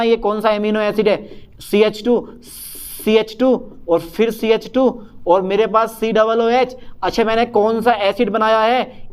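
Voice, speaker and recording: The chemistry teacher here is a young man with a smooth, high-pitched voice. Lecturing at the whiteboard, he speaks to his students and supplies answers to his own questions in a student's voice.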